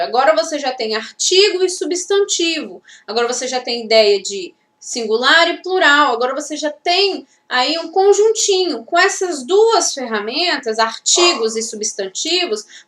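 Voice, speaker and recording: Brazilian woman teaching english grammar, high bright voice, echoey room, sounds a bit far from the mic. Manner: explains step by step, with frequent checking tags. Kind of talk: classroom-style grammar lesson.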